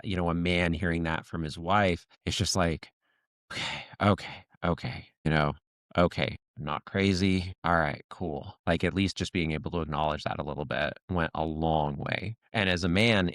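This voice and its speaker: A man with a very low voice co-hosts a podcast in loose, casual talk. He rambles through lots of "like" and "you know" and slips into little acted-out quotes. The sound is close and dry, with no room around it. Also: fairly even intonation, moderate pace, a bit bright, no room sound. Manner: acts out little quoted lines. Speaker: podcast co-host. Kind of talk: casual conversation.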